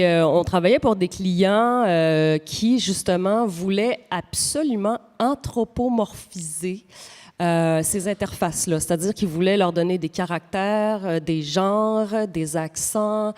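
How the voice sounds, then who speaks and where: A woman's voice: on the low side, darkish tone. Give me a Quebec woman answering on a panel in a reverberant hall. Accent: Quebec French. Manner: explanatory, anecdotal, many fillers. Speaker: AI company representative. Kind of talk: panel answer to audience question.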